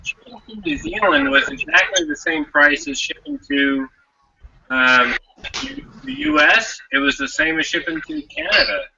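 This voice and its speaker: A man hosting a casual podcast chat, talkative and quick to laugh. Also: on the high side, animated, pushed and bright, muffled recording, slight background noise.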